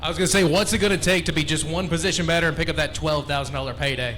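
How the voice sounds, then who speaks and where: A man with a high, bright, forceful voice announces and interviews drivers at an outdoor dirt racetrack. He talks like a booming showman, hyping the crowd between questions into a handheld mic. Faint outdoor ambience sits behind him. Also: fairly even intonation, rapid-fire, slight background noise. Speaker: race track announcer. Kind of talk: post-race interview commentary.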